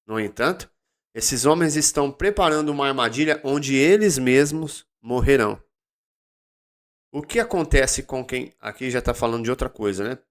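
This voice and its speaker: A man with a Brazilian accent hosting a daily Bible study. He talks casually, tells stories and reads verses with loud, emphatic bursts. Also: medium pitch, expressive, moderate pace. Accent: Brazilian Portuguese.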